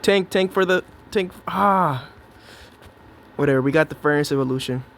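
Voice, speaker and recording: A man's voice: a little high, moderate pace, a bit bright, slight background noise. A young man giving casual, jokey commentary on his own match, talking to himself and to his opponent. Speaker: gameplay commentator. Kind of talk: live gameplay commentary.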